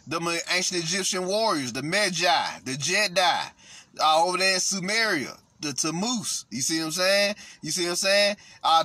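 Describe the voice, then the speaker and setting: A man's voice: fairly high pitch, pushed and bright, dry recording. A man hosting casual commentary, rambling and profane, with frequent restarts. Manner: rambling, profane, frequent restarts, "see what I'm saying". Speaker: host.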